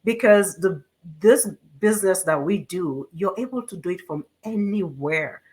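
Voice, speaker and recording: A woman with a fairly low voice hosts a casual interview. She talks in an encouraging, conversational way and often checks in with her guest. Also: animated, a little slow, a little mellow. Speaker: host.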